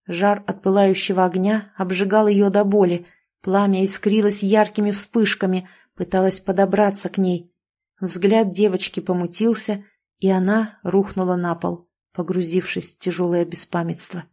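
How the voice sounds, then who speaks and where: A woman narrating a story in a steady, expressive reading. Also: medium pitch, moderate pace. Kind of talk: scripted audiobook narration.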